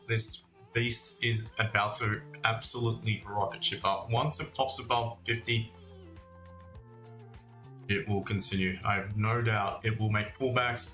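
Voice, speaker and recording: Still getting over a cough and losing his voice, a man runs a live trading stream full of relaxed market talk aimed straight at his viewers, whom he addresses as "mate" and "guys." His voice is on the low side, bright, and forceful. Faint music and a roomy echo fill the recording.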